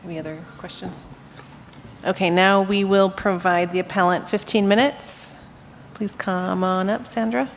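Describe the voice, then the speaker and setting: A woman chairs a council meeting and moves things along with brisk cues. Clear background noise surrounds her voice. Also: mid-range voice, fairly even intonation.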